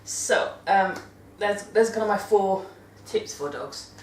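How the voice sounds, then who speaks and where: A woman's voice: medium pitch, takes it slowly, a little hiss or hum. A British woman talking casually about caring for dogs, chatty and rambling, often correcting herself mid-sentence. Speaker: vlogger giving dog-care tips. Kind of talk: casual monthly vlog talk. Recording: roomy sound from a distant mic.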